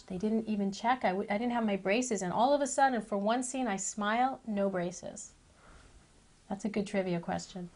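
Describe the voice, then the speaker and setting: A woman's voice: medium pitch, darkish tone. A middle-aged woman, a former child actress, chatting in an interview about her past roles with playful, self-deprecating asides. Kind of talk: reminiscing interview.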